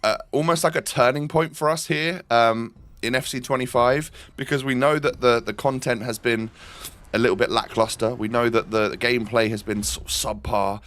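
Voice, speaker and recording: A man's voice: mid-range voice, fairly even intonation, moderate pace, a bit bright. A man with a stuffy nose from an oncoming cold, giving chatty gameplay commentary as host of his gaming channel, with frequent ums and repeated words.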